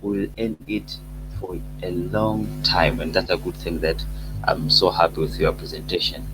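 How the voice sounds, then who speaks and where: A man with a Tanzanian accent speaking haltingly in an online meeting, pausing often. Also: sits low, little pitch movement, gravelly. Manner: halting, many hesitations. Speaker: summit participant. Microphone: video call. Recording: video call with loud hum.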